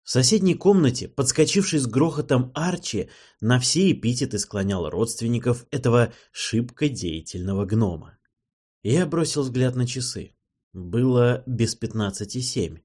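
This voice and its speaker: Husky guy reading a fantasy audiobook, voice moves around a lot. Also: medium pitch, darkish tone. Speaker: audiobook narrator. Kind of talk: audiobook narration, first person.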